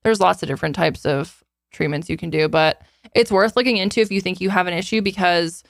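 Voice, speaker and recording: A woman's voice: lowish voice, fairly quick, creaky, dry recording, studio quality. Chatty woman in her twenties. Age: 20s. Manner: chatty, fills with "like" often. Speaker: podcast co-host. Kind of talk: casual podcast chat.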